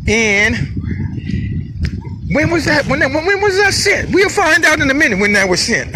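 High-pitched man, fervent and repetitive, outdoor phone video with noise. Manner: repetitive, fervent, praising God. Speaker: boyfriend filming a birthday surprise. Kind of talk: casual filmed narration. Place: outdoors at sunset.

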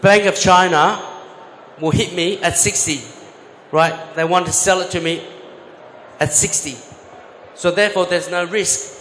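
On the stage of a big expo hall, a middle-aged conference speaker who used to be a bank trader walks through trades with examples, fixing his own slips as he talks into a handheld microphone. His high, somewhat bright voice stays fairly even, measured and full of pauses, and the echoey room carries faint ambience and slight background noise.

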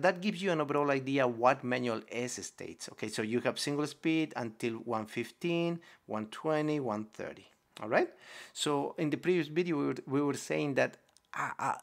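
A man's voice: mid-range voice, creaky. A man teaching equipment sizing over a whiteboard screen recording, explaining step by step, repeating key terms, checking in with "okay?" and correcting himself as he goes. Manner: self-correcting restarts. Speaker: HVAC instructor. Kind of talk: screen-recorded technical lesson.

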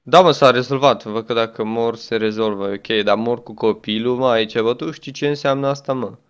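Talking his way through a game, this young YouTuber has a clean, mid-range voice. His let's play commentary is full of exclamations, aimed at the game and at a friend.

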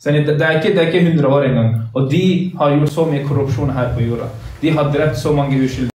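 A man's voice: fairly high pitch, darkish tone. Earnest man preaching in echoey mosque. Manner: earnest, preachy, repetitive emphasis. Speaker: mosque teacher. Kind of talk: religious lesson to boys. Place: large carpeted mosque room. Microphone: phone livestream from across the room. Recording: echoey room, speaker far from phone.

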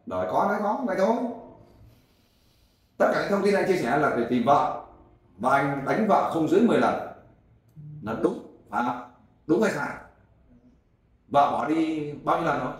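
A man lectures and scolds in a loud, insistent voice, pitched a little high. He is recorded from a distance in a very echoey room. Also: lively intonation, normal speed, long pauses. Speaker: volunteer group interviewer.

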